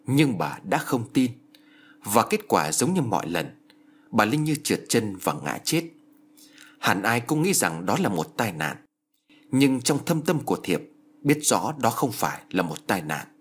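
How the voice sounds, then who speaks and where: Husky man narrating a horror tale. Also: mid-range voice.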